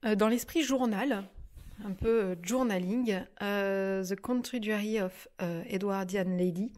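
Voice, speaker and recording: A woman's voice: mid-range voice, measured pace, a little mellow. Woman, 30s, home vlogger, hesitant, filler-heavy casual chat. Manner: hesitant, many fillers and restarts. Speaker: vlogger reviewing books. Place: at home by her desk.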